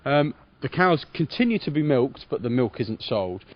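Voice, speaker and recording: A man, a farm veterinarian giving measured, formal explanations in an interview. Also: mid-range voice, very animated, lo-fi sound. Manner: measured, formal veterinarian explaining carefully in plain professional terms.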